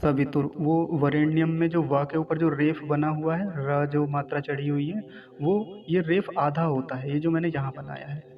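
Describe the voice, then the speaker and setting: With a steady tone and moderate pace, this Vedic recitation teacher, whose voice is on the high side, teaches how to pronounce Sanskrit verses correctly. He stretches each syllable and questions his class. The sound is lo-fi.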